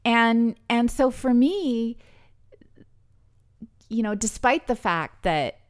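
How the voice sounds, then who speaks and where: A woman from British Columbia, Canada, appears as a podcast guest in a conversational interview, thinking aloud earnestly and restarting often. Her clean voice is on the high side, animated but slow.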